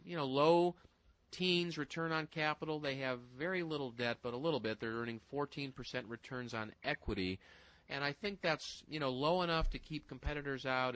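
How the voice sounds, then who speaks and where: A man co-hosting a casual financial talk show, walking through stock numbers in a brisk, folksy way and speaking straight to listeners. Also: medium pitch, sharp tone, no echo, low-quality recording. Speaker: stock-picking co-host.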